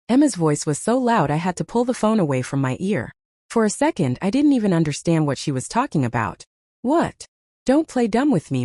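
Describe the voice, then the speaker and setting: Woman narrator for a confession-style story, low warm voice, very expressive melody, dramatic pauses. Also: dry recording, studio quality. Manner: dramatic, with slow emphatic pauses. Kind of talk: scripted first-person story narration.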